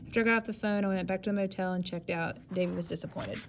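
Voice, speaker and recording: A woman's voice: mid-range voice, fairly even intonation, rapid-fire, slight background noise. A woman reading a first-person memoir aloud in a plain, matter-of-fact way. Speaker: audiobook reader.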